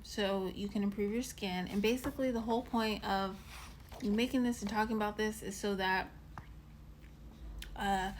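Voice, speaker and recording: A woman's voice: mid-range voice, slight background noise. A young woman hosting a casual livestream, explaining a skincare tracker with lots of ums and likes and greeting viewers by name. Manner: frequent ums and likes, loose rambling flow. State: chewing candy. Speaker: livestream host and waxing specialist.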